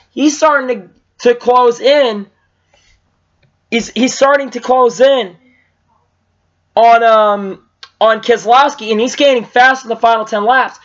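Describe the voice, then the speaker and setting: A young adult man who vlogs race reviews talks into a low-angled webcam in a small room, rambling through a casual recap with lots of fillers and restarts and getting excited along the way. His voice is high and a little strained, and the audio sounds dull and lo-fi.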